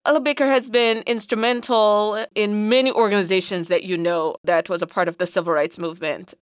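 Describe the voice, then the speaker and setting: A woman's voice: medium pitch, steady tone, fairly quick, clear, resonant tone, no room sound, clean studio sound. A woman with a Jamaican accent giving a conversational educational lecture, explaining things and checking in with the listener as she goes. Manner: explanatory, checks in with "right?" and "you know".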